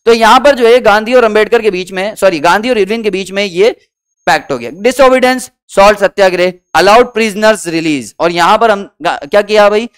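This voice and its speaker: A man's voice: sits high, clear, resonant tone. A man teaching a history lesson in Hindi-English mix, constantly asking the class questions and having them repeat answers. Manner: quizzes students with repeated questions and calls them beta, acts out short quoted bits. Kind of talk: energetic classroom-style lesson.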